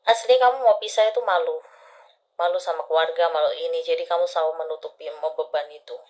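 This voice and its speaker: A woman reading a caller's palm on a live stream, intimate and affectionate, often dropping to a whisper and then breaking into loud laughter. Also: low-pitched, steady tone, quick pace, low-quality recording. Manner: intimate, calls listener "sayang", swings between soft whispers and loud laughter. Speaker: palm reader.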